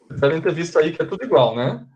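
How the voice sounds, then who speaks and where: A man with a slightly high voice leads an English class for his students. He explains things patiently and slowly repeats each example sentence so the class can follow. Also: lively intonation, dull audio, a crowd in the background. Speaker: English teacher. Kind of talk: live online class.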